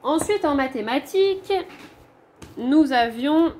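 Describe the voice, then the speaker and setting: A primary school teacher with a French accent goes over homework corrections with young pupils, slowly and patiently pointing things out step by step. Her voice sits high with lively intonation and a darkish tone, and there is a little hiss or hum.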